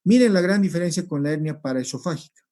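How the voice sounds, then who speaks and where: A man giving a recorded medical lecture over slides, explaining step by step and often checking with a quick "¿sí?". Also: on the high side, lively intonation, warm tone. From Peru. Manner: explanatory, repeats points, checks with rhetorical "¿sí?".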